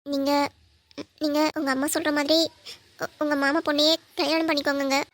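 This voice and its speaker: A woman's voice: sits high, little pitch movement, a little fast, fairly bright tone, no echo. A woman voicing a meek, devoted young wife in a cartoon, pleading and apologetic. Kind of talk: cartoon voice acting.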